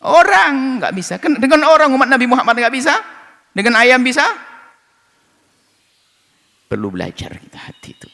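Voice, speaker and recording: A man preaching a sermon, animated, swinging between loud outbursts and soft murmurs. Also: very high voice, brisk, creaky, long pauses. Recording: long hall reverb.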